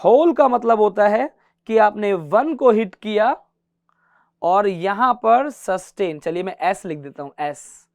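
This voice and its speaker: A man's voice: high voice, lively intonation, slow, vocal fry, no echo. A man teaching a guitar class, patiently counting beats aloud and mixing English terms into his explanations. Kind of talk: classroom music lesson.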